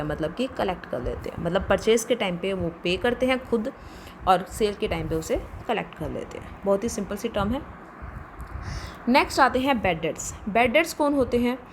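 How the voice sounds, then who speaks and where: A woman's voice: on the high side, a little hiss or hum. A woman teaching a commerce lesson, explaining step by step and answering her own questions. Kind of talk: classroom lecture.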